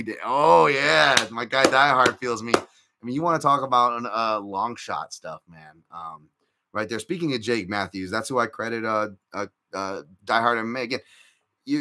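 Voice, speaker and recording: A bright, forceful mid-range voice belongs to a man hosting a casual live-stream podcast. He rambles through betting picks with lots of fillers and restarts, chatting with viewers and reacting to their comments.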